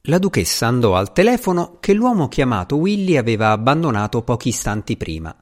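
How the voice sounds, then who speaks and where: A man narrating a novel in a measured storytelling delivery. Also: mid-range voice, wildly swooping pitch. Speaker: audiobook narrator. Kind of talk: scripted narration.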